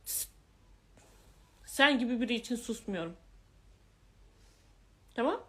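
Woman, reality contestant, live-stream rant, crying from anger, high-ish voice, loud agitated outbursts. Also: lively intonation, moderate pace. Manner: agitated, loud outbursts, repeated swearing of oaths.

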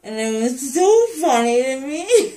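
A woman's voice: high-pitched, big pitch swings, measured pace, mellow. A young woman, dazed and groggy, rambling in casual chat as she comes out of anesthesia. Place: small indoor room, lying on a pillow. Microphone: phone held near, off the speaker.

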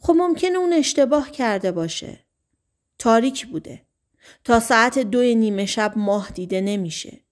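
A woman voicing a skeptical, measured male sheriff in an audiobook, asking slow, doubting questions. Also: fairly high pitch, expressive, natural voice.

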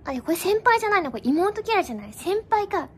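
A young woman streamer chats casually with her viewers in a high, light voice. She is playful and giggly and keeps tossing in bits of English. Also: big pitch swings, rapid-fire, a little hiss or hum. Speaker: live streamer.

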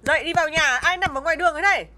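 A woman playing a shrill scolding wife. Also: very fast, sharp tone. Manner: shrill, nagging, scolding exclamations. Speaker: comic skit actor. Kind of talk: amateur comedy skit acting.

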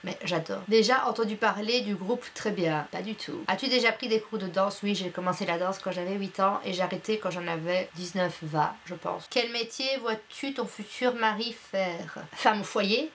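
A woman's voice: mid-range voice, normal speed, few pauses, a bit bright, slight background noise. Chatty young woman, casual vlog. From Belgium. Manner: chatty, blunt and playful, filler-heavy. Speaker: YouTuber. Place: her bedroom.

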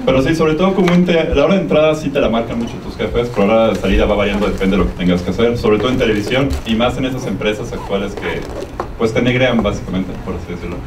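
A man's voice: medium pitch, fast talker. A young man with a Mexican accent giving an informal conference talk in a colloquial, hesitant, meandering way. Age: young adult. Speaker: guest speaker, media production worker. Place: university lecture room. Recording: echoey room, distant sound, background noise.

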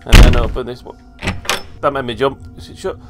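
A man's voice: medium pitch, little pitch movement, a little fast, loud music behind the voice. A man commentating a horror game playthrough, jumpy, sweary and joking to himself. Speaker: gaming video host.

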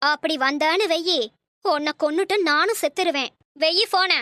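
A stern cartoon mom, lecturing and threatening, very high bright voice, dry close sound. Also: female voice, moderate pace, no room sound. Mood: scolding. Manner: lecturing, scolding. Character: worried middle-aged mother, stern and threatening.

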